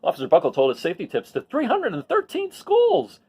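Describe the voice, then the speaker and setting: A man's voice: sits high, wildly swooping pitch, brisk, darkish tone, breathy edge. A man reading a picture book aloud expressively, emphasizing key words and adding chatty asides to his listeners.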